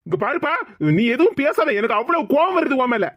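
A performer doing a high, touchy cartoon son. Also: lively intonation, lo-fi sound. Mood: sulky angry. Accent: Tirunelveli Tamil. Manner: touchy, quick-tempered complaining. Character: sulky lovelorn young cartoon son. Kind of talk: animated comedy sketch voice acting.

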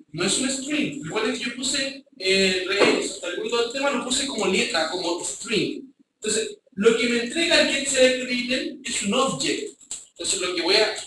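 High-voiced Chilean man teaching code. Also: fairly bright tone, reverberant, a little hiss or hum, low-quality recording. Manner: checks in with students, repeats "ya?". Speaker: programming teacher. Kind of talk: live online programming class.

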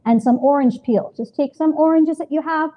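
High-voiced woman demonstrating a recipe. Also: moderate pace, lo-fi sound. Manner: upbeat, laughs often, explains step by step. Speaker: cooking show host. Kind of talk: casual cooking demonstration. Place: home kitchen, indoors.

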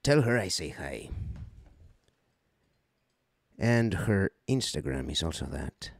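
A voice actor hosting a casual livestream, unboxing fan mail and exclaiming excitedly in a rambling way. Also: male voice, deep voice, slow pace, gravelly, dry recording, clean studio sound.

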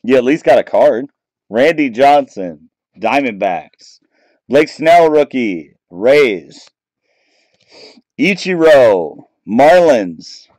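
Sitting off camera at a table in a small room, a card break host reads out names and teams as he opens packs, relaxed and chatty. His voice is mid-range and slow, and the camera mic gives a rough recording without echo.

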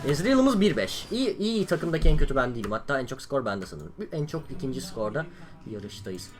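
A young man from Turkey giving excitable live commentary over his own gameplay, exclaiming and grumbling as things go wrong. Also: medium pitch, fairly quick. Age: young adult. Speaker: gaming YouTuber.

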